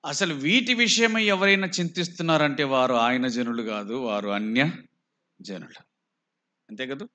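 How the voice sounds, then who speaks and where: A man with a Telugu accent, preaching a slow, emphatic sermon full of rhetorical questions. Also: medium pitch, pushed and bright. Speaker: pastor.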